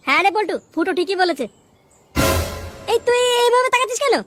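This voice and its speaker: Cartoon: actress as an agreeable sidekick boy, high and quick. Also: lively intonation, over music. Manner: gossipy, agreeable. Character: chatty village boy, the loyal sidekick.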